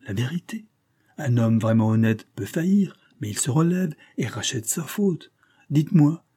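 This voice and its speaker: A man's voice: mid-range voice, expressive, moderate pace, dark tone, slightly rough, pitched above the performer's own voice. A man voicing a stern, indignant middle-aged banker who speaks in a raised, vibrant voice. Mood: pleading.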